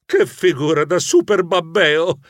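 A man's voice: fairly high pitch, a little slow, no room sound, studio quality. A man narrating a children's audiobook in the first person, theatrical and comic with frequent exclamations.

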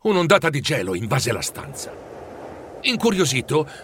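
A man reading a storybook aloud in a lively, expressive way. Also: fairly high pitch, normal speed, a little hiss or hum. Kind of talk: storybook narration.

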